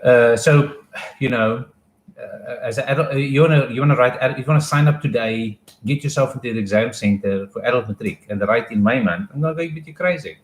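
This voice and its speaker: A man's voice: medium pitch, fairly quick, reverberant, slight background noise, low-quality recording. A man explaining exam options in a casual, conversational live talk, often restarting his sentences. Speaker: education advisor.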